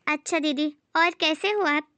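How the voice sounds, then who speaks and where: A woman's voice: sits high, moderate pace, pushed and bright, dry recording. A woman voicing a patient young daughter-in-law who speaks politely but firmly, in a moral story drama. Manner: polite, firm.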